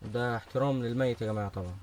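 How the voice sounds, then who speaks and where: A young man with an Egyptian Arabic accent, giving rapid, excitable let's-play commentary on a horror game with nervous exclamations. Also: mid-range voice. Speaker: gaming YouTuber.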